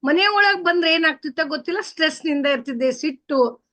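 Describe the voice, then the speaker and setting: A woman's voice: high voice, brisk, sharp tone, no echo. A middle-aged woman, sharing her story earnestly and calling the coach sir. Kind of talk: personal testimony.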